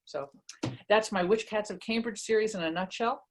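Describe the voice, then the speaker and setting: Speaking at normal speed with a medium-pitched voice, a woman author presents her own book. She chats casually about her writing and reads passages aloud, keeping things conversational and self-deprecating.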